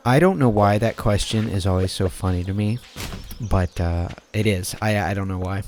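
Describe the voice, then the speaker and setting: Game music is clearly audible behind a man commenting on his gameplay, drowsy and yawning as he rambles with fillers and false starts. His fairly low, slightly mellow voice moves at normal speed amid slight background noise.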